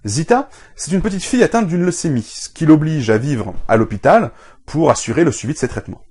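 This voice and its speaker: Husky, animated comic reviewer. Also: male voice, fairly high pitch, brisk. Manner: animated, enthusiastic recommendations. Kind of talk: scripted review show.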